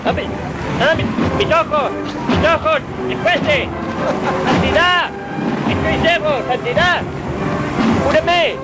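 Man acting high voice, hapless chatty young reporter, flustered, stammering, radio parody, clear background noise. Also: brisk, close to an everyday voice. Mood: suffering. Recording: noisy windy outdoor report.

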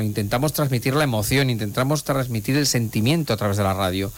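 A middle-aged man from Spain, a radio station director, talking at length in an eloquent, discursive way with frequent restarts. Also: lowish voice. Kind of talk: reflective radio conversation.

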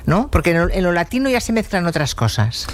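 A woman's voice: fairly low pitch, sing-song, fairly quick. A woman hosts a conversational interview. She asks questions with interest and jumps in to complete her guest's ideas. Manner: engaged, prompts and finishes the guest's points. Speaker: interviewer host.

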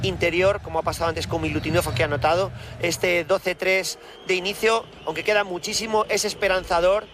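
A man analyses a game live for radio. His voice is high and he talks in long tactical phrases. There is clear venue noise behind him. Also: steady tone, fairly quick, hardly any pauses. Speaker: basketball analyst.

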